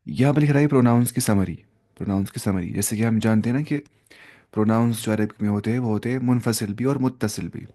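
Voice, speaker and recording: A man's voice: fairly low pitch, normal speed, warm tone. A man teaching Arabic grammar in Hindi, drilling word lists and correcting himself as he goes. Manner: opens with an Arabic prayer. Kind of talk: grammar lesson explained in Hindi.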